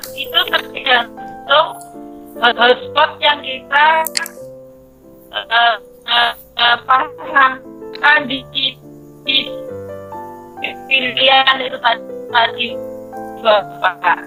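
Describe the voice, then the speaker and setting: A woman's voice: sits high, pushed and bright, faint music behind, low-quality recording. A woman presenting an online training session, her voice choppy and stuttering over a buffering internet connection. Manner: halting, repeats words as the line drops. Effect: choppy, buffering internet audio that breaks up and stutters. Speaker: workshop presenter. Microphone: video call.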